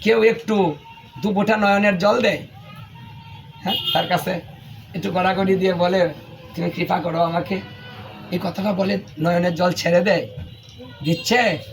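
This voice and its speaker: A man preaches a devotional sermon in an unusually high, light voice. He drives his points home with emphatic rhetorical questions, and soft music plays faintly underneath. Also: fairly even intonation, moderate pace, pauses often.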